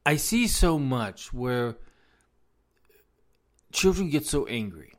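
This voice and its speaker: A man's voice: mid-range voice, big pitch swings, slow pace, fairly bright tone. A man giving earnest, informal advice to parents, repeating himself for emphasis, losing his voice. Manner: earnest, repetitive, addresses parents directly. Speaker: speaker on parenting.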